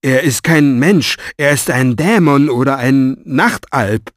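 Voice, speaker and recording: A man playing a big, coarse manservant, scared and shouting in a strained, raised voice. The sound is close and dry. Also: takes it slowly, dry recording, natural voice. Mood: panicked. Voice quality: loud, high-strung.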